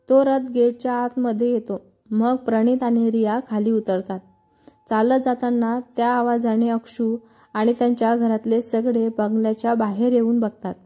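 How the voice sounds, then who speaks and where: A woman narrating a scripted romance story in a steady, even reading. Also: on the high side.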